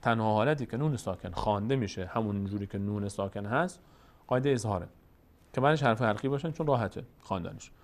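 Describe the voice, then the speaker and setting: A man teaching Quran reading step by step. He is patient and repetitive, answers his own questions, and slowly stretches out sounds when demonstrating them. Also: fairly low pitch. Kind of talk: step-by-step recitation lesson.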